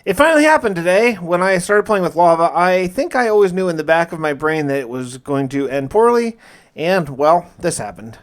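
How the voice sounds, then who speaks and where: This gaming creator speaks at an ordinary pace in a high, expressive voice. He recounts his survival challenge playthrough conversationally, almost like diary entries, slipping into light roleplay now and then.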